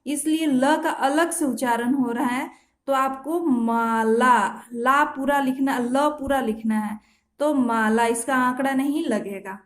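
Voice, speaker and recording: Slow, high-voiced woman shorthand teacher. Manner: slow, patient explanations with self-corrections and repeated examples. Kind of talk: step-by-step instructional lesson. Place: home.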